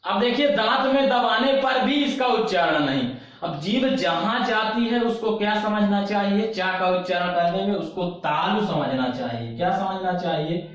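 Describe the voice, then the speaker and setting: A man teaching an online class, asking questions and answering them himself, repeating key terms and slowly demonstrating sounds. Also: high-pitched, fairly bright tone. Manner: slow, drawn-out demonstration of sounds. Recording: very echoey, dull lo-fi room recording.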